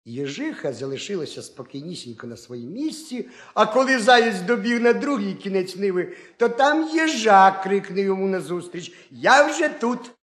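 Man, storyteller, high voice, animated, expressive, roomy echo. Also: moderate pace, hardly any pauses. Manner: lively, expressive. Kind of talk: folk tale narration for children.

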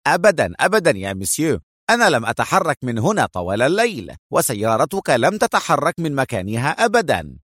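A man's voice: mid-range voice, wildly swooping pitch, fast talker, a bit bright, dry recording, studio quality. A man voicing a frightened, groveling male garage attendant in an audiobook, pleading and stammering. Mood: denying. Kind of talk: audiobook character voice.

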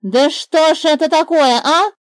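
A woman doing a loud, bossy grumbling bird. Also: unhurried, dry recording. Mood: indignant bossy. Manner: loud, high, exclaiming.

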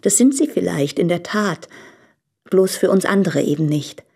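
Husky, low-voiced woman in a radio play. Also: lively intonation, normal speed, darkish tone, full character voice. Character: married woman torn between husband and lover.

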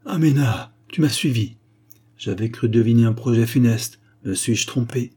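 A man's voice: medium pitch, little pitch movement, moderate pace, dark tone, breathy edge, natural voice. A man voicing a lovesick young man who speaks with vehement anguish.

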